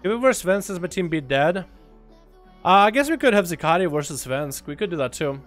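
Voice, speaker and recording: With a high voice and a fairly quick pace, a man commentates game duels on a livestream and chats with viewers over soft background music. He has an American accent, speaks Russian, and gives excitable play-by-play with shouts at big moments.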